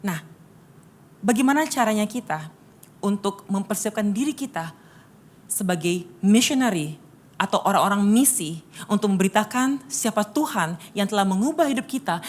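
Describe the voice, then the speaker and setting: A woman from Bali, her Indonesian lightly tinged with a Balinese accent, gives a workshop talk in the style of a sermon. She's a lively storyteller who speaks straight to her audience, with a medium-pitched voice.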